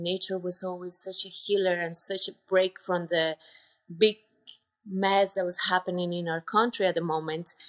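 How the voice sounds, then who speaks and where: A woman from Colombia with a Colombian accent, speaking earnestly as a podcast guest, with many fillers. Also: fairly low pitch. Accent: Colombian Spanish. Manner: earnest, heartfelt, with frequent fillers. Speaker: podcast guest, retreat center owner. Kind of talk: casual interview conversation.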